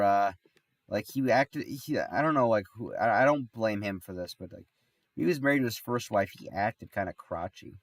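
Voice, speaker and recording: A man's voice: lowish voice, no room sound, recorded from a distance. A man with a stuffy nose from being sick, telling a rambling story on a livestream, full of restarts and fillers. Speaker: streamer.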